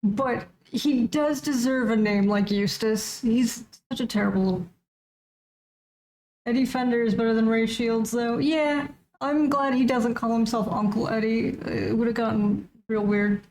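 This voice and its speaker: A woman's voice: on the high side, measured pace, a little mellow, a little hiss or hum. A woman streaming a game live, joking casually and reading its lines aloud in a plain voice.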